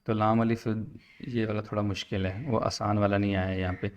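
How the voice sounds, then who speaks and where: A man's voice: fairly low pitch, flat delivery. Patient male Quran teacher explaining shapes. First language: Urdu. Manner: explains patiently, drawn-out syllables when spelling. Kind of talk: instructional talk to teachers.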